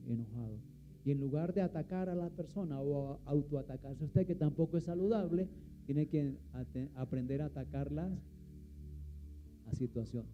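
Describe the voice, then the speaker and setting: A man's voice: fairly high pitch, narrow, tinny audio. A man preaching a sermon, asking the congregation questions and answering them himself. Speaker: pastor.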